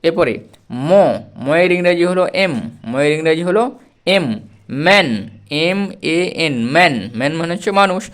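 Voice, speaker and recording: Man slowly drilling a spelling lesson. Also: sits high, fairly bright tone, clear, resonant tone. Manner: slow, repetitive drilling, spells words out letter by letter. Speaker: teacher.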